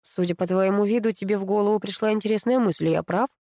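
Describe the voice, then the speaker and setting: Calm wry husband read by a woman, mellow low-key voice. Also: quick pace, no room sound, clean studio sound. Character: calm, wry husband, middle-aged man.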